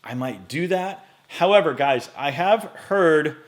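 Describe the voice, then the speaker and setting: A man's voice: on the high side, slow. Chatty man in his late forties. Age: 40s. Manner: relaxed, chatty, with many fillers and restarts. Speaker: men's style YouTuber. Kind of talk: casual Q&A vlog. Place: indoor home studio. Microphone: microphone in front of him.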